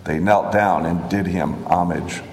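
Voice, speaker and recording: A man reading scripture aloud in a measured, expressive way, in an echoey hall. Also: low-pitched, slight background noise. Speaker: scripture reader. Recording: echoey hall with long reverb.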